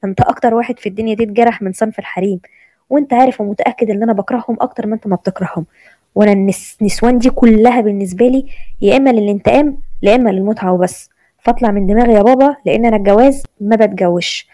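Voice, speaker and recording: Woman doing a bitter cold young egyptian guy, fast, dark tone. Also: on the high side, no echo, natural voice. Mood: scornful. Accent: Egyptian Arabic. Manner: dismissive, bitter. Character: cold proud young male professor.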